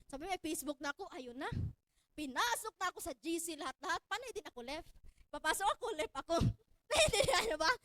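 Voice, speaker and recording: Young woman from Cebu, very high voice, bright and sharp, animated storytelling, dry close sound. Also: fast talker, no room sound. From Cebu, Philippines. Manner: lively, laughing, often raises her voice to exclaim. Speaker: speaker sharing her story.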